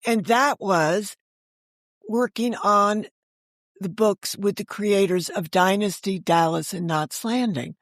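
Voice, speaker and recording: In a clean recording free of room sound, a roughly seventy-year-old woman speaks slowly in a mid-range voice. She's a guest on an interview, an author who also makes audio dramas, and she chats openly, sharing casual stories and performing other people's remarks.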